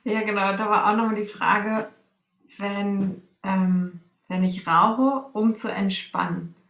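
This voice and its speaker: A woman's voice: mid-range voice, fairly even intonation, slow pace, a bit bright, roomy sound. A woman interviewing a trainer, asking follow-up questions and agreeing along the way. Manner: inquisitive, agreeing.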